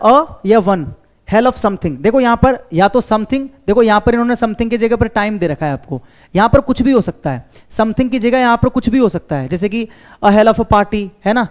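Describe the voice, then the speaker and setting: A young man from India teaches English idioms for exam preparation, his voice pitched notably high. He fires rhetorical questions at his students and then answers them himself. He reads every English example sentence slowly and deliberately. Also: darkish tone. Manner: asks the class rhetorical questions and repeats answers. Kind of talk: exam-prep vocabulary lesson.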